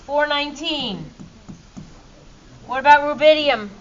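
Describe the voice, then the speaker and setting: High-voiced upbeat woman teaching class. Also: slow pace, highs cut off, a little hiss or hum. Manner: upbeat, playful teacher quizzing students. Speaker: chemistry teacher. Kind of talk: classroom lecture.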